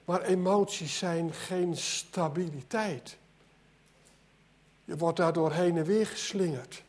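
High-voiced man preaching with rising intensity. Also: slow. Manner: earnest, repeats words, voice rises and drops sharply. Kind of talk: sermon.

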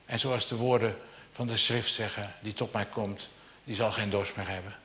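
A man's voice: on the low side, fairly even intonation, normal speed, fairly bright tone, a little hiss or hum. A man preaching a sermon with direct, personal appeals to the congregation, swinging from ringing proclamations down to near-whispers.

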